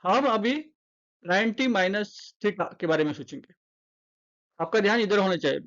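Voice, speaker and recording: A woman's voice: mid-range voice, animated, muffled recording. A woman with an Indian accent teaching a math lesson, explaining step by step and repeating her terms. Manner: explains slowly step by step, repeats terms, mixes English and Hindi. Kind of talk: classroom math lecture.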